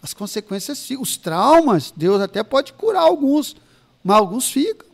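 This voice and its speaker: High, lively Brazilian pastor with gravelly edge. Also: male voice, moderate pace. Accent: Brazilian Portuguese, São Paulo interior. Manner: animated, laughs while telling stories. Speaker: pastor, podcast guest. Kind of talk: casual storytelling chat.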